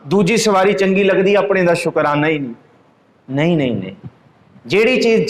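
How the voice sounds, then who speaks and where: A man giving a religious discourse, chanting lines of scripture slowly and then explaining them. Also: high-pitched, echoey room, poor audio. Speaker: Sikh preacher.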